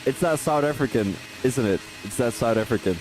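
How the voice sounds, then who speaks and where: Talking briskly at medium pitch over music, a Belgian man covers a sim racing league race live, and the audio is poor. Chatty rambling fills the gaps until overtakes bring out excited calls.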